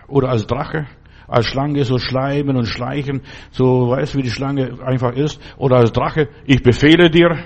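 A man's voice: fairly high pitch, a little mellow. An older man preaching a sermon, earnest and exhorting, repeating his warnings and often restarting words.

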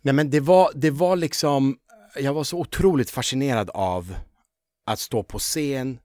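Male actor guest, mid-pitched, dry close mic, rambling storyteller. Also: no echo. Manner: animated storyteller full of fillers. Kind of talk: casual storytelling interview.

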